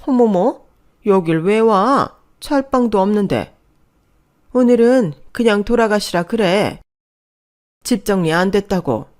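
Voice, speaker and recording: A woman voicing a cold, bossy older mother-in-law who scolds in a shrill voice. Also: expressive, slow, long pauses, darkish tone. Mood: dismissive.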